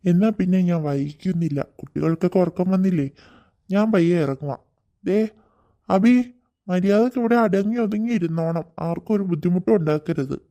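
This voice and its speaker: A man's voice: high-pitched, normal speed, dark tone. A man voicing a stern father in a cartoon, giving instructions to a child. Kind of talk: cartoon voice acting.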